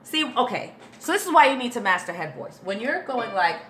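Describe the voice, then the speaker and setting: Her voice is a little high and a little fast, swinging widely in pitch, and heavy background noise surrounds it. She's a woman vocal coach answering viewer questions in a casual livestream, informal and filler-laden, with patient step-by-step explanations.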